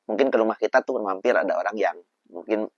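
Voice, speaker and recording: A man, a preacher guest telling lively, animated stories about raising children. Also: fairly low pitch, quick pace, no echo, highs cut off. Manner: animated storyteller. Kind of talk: casual religious talk.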